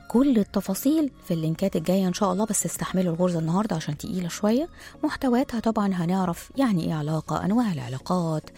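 Egyptian female radio host, husky and quick, preaching rhymed advice over faint music. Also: lowish voice, dark tone. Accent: Egyptian Arabic. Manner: rhyming, preachy advice delivered briskly. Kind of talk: radio talk show monologue.

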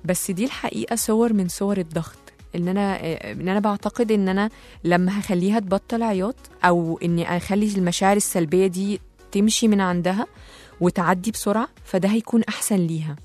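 A woman's voice: medium pitch, fast talker, a little mellow, faint music behind. A woman with an Egyptian Arabic accent hosting a talk show monologue and acting out the voices of people who comfort others. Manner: acts out comforting voices in quotes. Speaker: host.

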